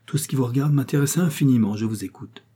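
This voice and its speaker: A curious rich old gentleman asks calm, grave questions in a storybook reading, voiced by a male narrator. His tone is mellow and slightly husky, courteous but searching. He wants the truth without showing his hand. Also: mid-range voice, fast, natural voice. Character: strange rich older gentleman visitor, probing.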